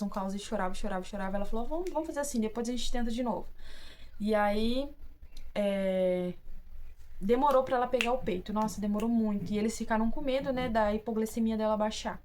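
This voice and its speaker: A woman's voice: medium pitch, fairly even intonation, brisk, darkish tone. Young Brazilian woman, chatty storyteller, mid-range voice, talks straight to her viewers, light background noise. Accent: Brazilian Portuguese. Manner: chatty, addresses viewers as "gente", many fillers and restarts. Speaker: vlogger. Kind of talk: casual personal storytelling.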